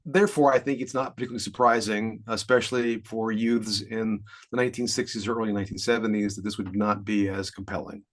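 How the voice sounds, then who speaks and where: A man's voice: fairly low pitch, steady tone, fast, hardly any pauses. A man in his fifties co-hosting a podcast, chatting casually in a rambling, explanatory way with frequent chuckles. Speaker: podcast co-host. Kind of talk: casual chat.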